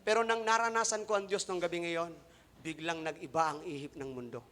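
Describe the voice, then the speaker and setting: A man preaching a Sunday sermon, telling his own testimony to the congregation, swinging between quiet asides and loud emphatic lines. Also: fairly high pitch, steady tone, brisk. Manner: addresses congregation directly, mixing in English phrases.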